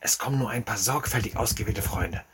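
A man voicing a nervous, secretive male party host in a whispered role-play, hushing every word conspiratorially. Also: on the low side, a little fast, breathy edge, voice pushed up.

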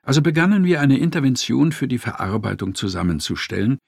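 A man narrating a nonfiction audiobook in an expressive storytelling manner. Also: mid-range voice, fast talker, gravelly, husky, dry recording, studio quality.

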